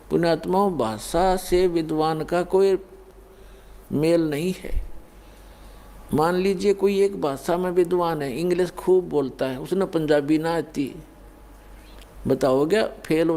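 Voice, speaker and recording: Male preacher, warm dark tone, raised pitch, sermon delivery. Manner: addresses listeners as "punyatmaon", explains with everyday examples. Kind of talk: Hindi spiritual sermon.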